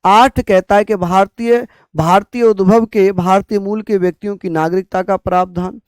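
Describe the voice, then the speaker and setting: A man's voice: high-pitched, steady tone, normal speed, darkish tone, clean tone, no room sound. A young man teaching an online exam-prep lecture, repeating points and calling students his brothers and sisters.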